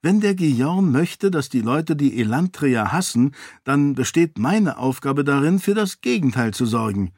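A man reading an audiobook, voicing a determined young noblewoman who talks in a brisk, insistent way. The recording is dry. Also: medium pitch, big pitch swings, darkish tone, slightly rough, dry recording, voice pushed up, heavily acted. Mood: earnest. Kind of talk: audiobook character voice.

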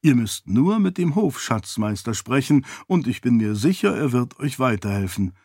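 Man doing a kindly absent-minded old priest for an audiobook, gentle and dreamy, dry sound. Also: medium pitch, expressive, normal speed, breathy edge, dry recording. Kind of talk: audiobook character voice.

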